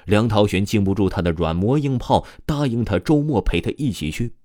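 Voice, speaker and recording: Man, ghost story narration, chatty and casual, low voice, dry close sound. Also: warm tone, no echo. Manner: chatty, filler-laden telling with drawn-out particles.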